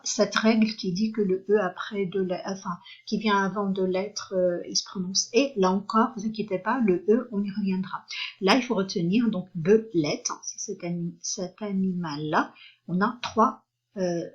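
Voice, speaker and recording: Patient, slow-speaking woman teacher. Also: medium pitch, steady tone, slightly rough, lo-fi sound. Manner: patient, spells out letters and syllables. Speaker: French teacher. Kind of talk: slow explanatory lesson.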